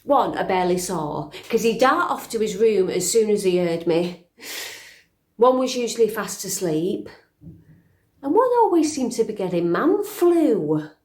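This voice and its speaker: Speaking slowly as a middle-aged fairytale princess recalling her life, a woman uses a slightly mellow, mid-range voice with big swings in pitch. The mood is wry and confiding, with dry wit and some weariness, like a close, conversational stage monologue in a roomy, echoing space.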